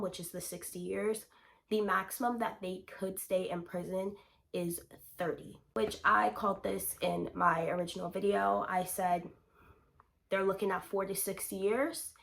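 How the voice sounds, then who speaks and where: A woman's voice: medium pitch, creaky, fairly bright tone. Sick, short-of-breath woman vlogger. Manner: blunt, opinionated, swears freely. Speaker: channel host. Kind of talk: casual commentary vlog.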